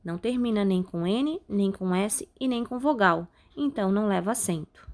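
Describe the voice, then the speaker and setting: A woman's voice: mid-range voice, animated, moderate pace, a little mellow. Patient Brazilian woman teaching a class. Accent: Brazilian Portuguese. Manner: patient, explaining step by step. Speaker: Spanish teacher. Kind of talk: recorded online class.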